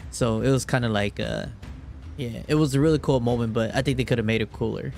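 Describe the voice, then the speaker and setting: A gaming creator reacts casually while playing a video game, using slangy, profane, informal talk. He speaks quickly with a medium pitch, a darkish tone and fairly even intonation, over soft background music.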